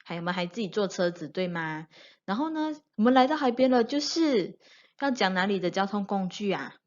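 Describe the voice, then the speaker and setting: Woman kids teacher, sing-song like talking to a toddler, average pitch, bit muffled audio. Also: expressive, fairly quick. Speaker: children's teacher, presenter of a theme class. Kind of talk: children's lesson addressed to young kids.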